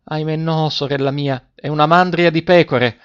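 A man voicing a young sister on a tower who calmly reports what she sees. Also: a little high, moderate pace, clean tone, no room sound, pitched above the performer's own voice, close to an everyday voice. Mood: watchful. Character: young sister keeping watch from a tower, a woman. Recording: dry, slightly muffled recording.

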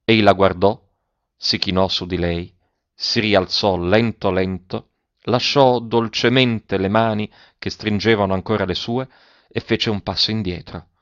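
A man reading a novel aloud as narrator, in a measured, grave manner. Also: on the low side, steady tone, a bit bright, no room sound. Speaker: audiobook narrator. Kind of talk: scripted narration. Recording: dull, dry lo-fi recording.

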